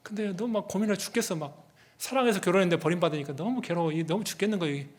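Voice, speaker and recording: A man preaching a sermon as pastor, animated and asking the congregation rhetorical questions. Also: high-pitched, very fast. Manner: animated, acts out quoted people in their own voices.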